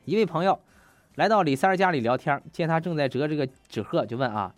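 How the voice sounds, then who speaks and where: A man's voice: fairly high pitch, lively intonation, fast talker, dry recording, soft background music. A man hosts a comic radio show, reading jokes and laughing at his own punchlines. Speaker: radio host.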